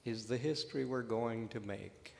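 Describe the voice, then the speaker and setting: A man's voice: medium pitch, moderate pace, vocal fry. Heartfelt man speaking in a big hall. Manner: emphatic and heartfelt, with a few restarts. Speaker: organization president. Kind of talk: impromptu acceptance speech. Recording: reverberant hall.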